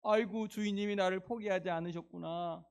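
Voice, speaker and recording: Guy doing a lost little sheep, scared and lonely, pleading, high voice, sermon skit. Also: steady tone, brisk, creaky. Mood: relieved. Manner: plaintive, heartfelt inner monologue. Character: lost lonely sheep, frightened then relieved.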